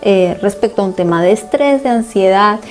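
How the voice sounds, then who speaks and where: A woman's voice: medium pitch, moderate pace, faint music behind. A woman pastor preaching a sermon and earnestly recounting a personal family story as testimony.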